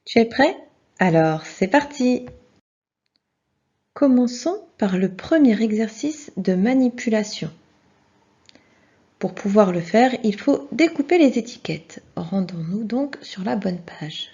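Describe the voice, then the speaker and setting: Slow, husky-voiced woman teacher. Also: medium pitch, expressive, warm tone. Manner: slow, patient, encouraging, speaks to the child directly. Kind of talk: children's video lesson. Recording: dull lo-fi sound.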